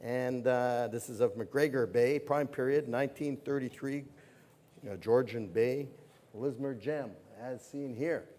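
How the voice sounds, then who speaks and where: A man's voice: medium pitch, a little mellow. Male fine art auctioneer calling bids. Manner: brisk salesman's patter, repeating numbers. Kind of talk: live auction calling with repeated bid figures. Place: auction sale room.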